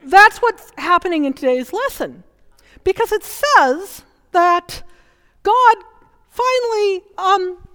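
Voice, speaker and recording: A woman's voice: very high voice, animated, slow, fairly bright tone. A woman pastor preaching a sermon in a conversational, humorous storytelling way, recorded in a church. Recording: reverberant church sanctuary.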